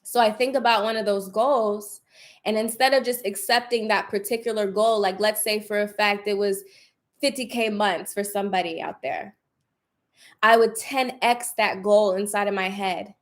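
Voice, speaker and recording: A woman's voice: mid-range voice, fairly even intonation, normal speed. A woman speaking casually and emphatically to viewers like a self-help coach, encouraging them and repeating phrases for emphasis. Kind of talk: casual motivational talk to viewers. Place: room at home.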